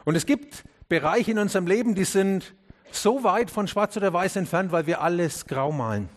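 A man delivers a sermon to his congregation, his voice sitting a little higher than most. He speaks earnestly, putting questions straight to his listeners. He sinks low and soft on key words and lifts his voice when he urges them on. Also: expressive, normal speed. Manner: drops low and quiet on key words, rises when urging. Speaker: pastor.

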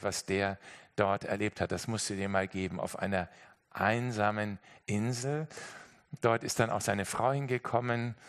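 Man preaching with lively storytelling. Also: on the low side. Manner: lively, emphatic storytelling with direct address to listeners. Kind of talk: sermon with storytelling.

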